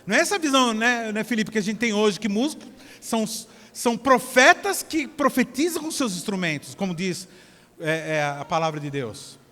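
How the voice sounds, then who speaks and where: A man with a Brazilian Portuguese accent preaching a sermon at a church service, telling stories in an animated way that swings from near-shouts to soft asides. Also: high voice, normal speed. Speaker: pastor. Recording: long church hall reverb.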